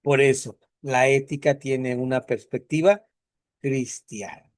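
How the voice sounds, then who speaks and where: A man's voice: medium pitch, steady tone, takes it slowly, no room sound, clean studio sound. Chatty man teaching a class. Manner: conversational, asks the class rhetorical questions.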